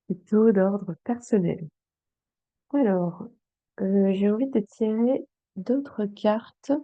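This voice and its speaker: A woman reading tarot cards for her viewers, talking slowly and hesitantly with many fillers, addressing the listener directly. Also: mid-range voice, dry recording. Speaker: tarot card reader. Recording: dry, phone-like sound.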